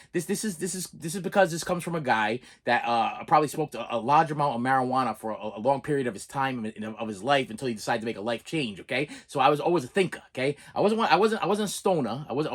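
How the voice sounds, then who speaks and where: A middle-aged man with a Boston accent, delivering a casual rant in a halting, emphatic way, repeating words and checking in with the listener. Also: medium pitch. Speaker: vlogger. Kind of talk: casual spoken rant to camera.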